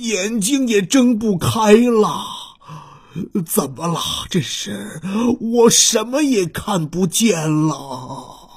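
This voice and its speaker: Hurt, blinded T-rex, male and gruff as voiced by a woman storyteller: groaning, slow, breathy, with a wide swing of pitch. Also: darkish tone, full character voice. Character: injured blinded male tyrannosaurus, gruff but weak.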